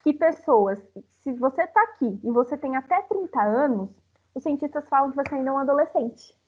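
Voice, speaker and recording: A woman's voice: high voice, animated, brisk. A young woman in her twenties from Brazil giving a live talk, chatting directly with her audience. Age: 20s. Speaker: speaker. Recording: phone-like narrow sound.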